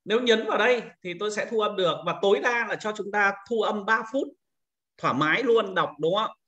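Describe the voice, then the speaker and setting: A man leads a screen-recorded software tutorial for fellow teachers, taking each step patiently in order. His voice sits high and sounds bright and forward. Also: brisk, highs cut off. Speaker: teacher trainer.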